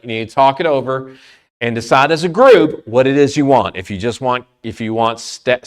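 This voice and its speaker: A man leading a trivia game for a church youth group, talking playfully and sometimes loud. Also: medium pitch, smooth. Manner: playful, lively, loud at times.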